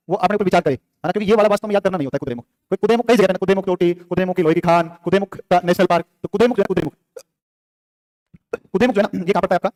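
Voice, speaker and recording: A man's voice: high-pitched, a little mellow, no echo. A middle-aged male teacher giving a classroom lecture, repeating names over and over and asking and answering his own questions. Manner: chatty asides to students. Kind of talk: classroom lecture with call-and-response drilling.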